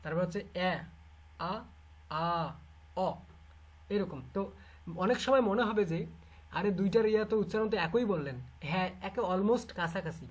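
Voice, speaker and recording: Bangladeshi teacher in an online class, kinda husky, says each sound again and again and asks students to answer. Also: mid-range voice, a little slow, pauses often. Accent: Bangladeshi Bengali. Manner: drills sounds by repeating them and quizzing students. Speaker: English literature teacher.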